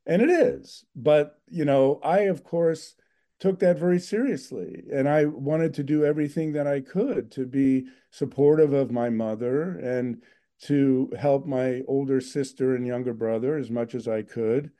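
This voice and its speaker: An older man talks in an interview with a very dark, mellow voice. He speaks in a thoughtful, earnest way, pausing on fillers as he gathers his words. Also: medium pitch. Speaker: guest filmmaker. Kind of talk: reflective interview talk.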